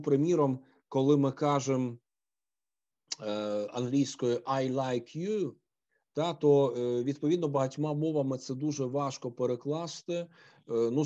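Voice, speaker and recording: Halting male lecturer, dull audio. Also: mid-range voice, mellow. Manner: halting, many filler sounds. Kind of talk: online philosophy lecture.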